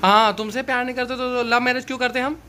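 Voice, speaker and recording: A man's voice: very high voice, little pitch movement, fast, pushed and bright, slight background noise. A man in his thirties filming a casual family vlog in a small room at home, pleading with his wife and sounding exasperated. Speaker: vlogger husband. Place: small home bedroom, indoors.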